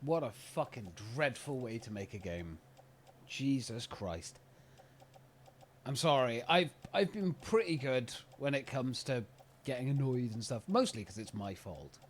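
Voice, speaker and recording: A man's voice: mid-range voice, expressive, measured pace, slight background noise. A British man streaming a video game, ranting in an exasperated, profane way. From United Kingdom. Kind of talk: casual live-stream commentary.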